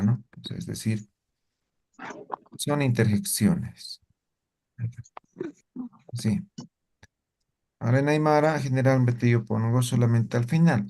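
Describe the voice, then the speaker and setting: A man teaching a language class, explaining slowly and often asking his students questions with tag questions. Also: medium pitch, a little mellow.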